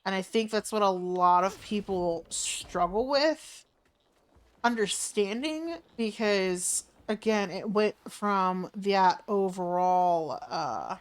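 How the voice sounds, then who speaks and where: A woman hosts a game livestream with a casual, conversational monologue. Her voice is clean and smooth, sitting at an average pitch as she addresses her viewers. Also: lively intonation, takes it slowly.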